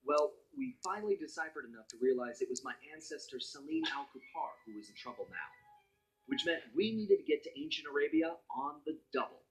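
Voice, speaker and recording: An American man voices the narrator and hero of a video game cutscene, a cool, loyal young master thief recounting his adventures in a wry, conversational way. His voice is on the high side with big pitch swings and a fairly quick pace. The recording quality is low.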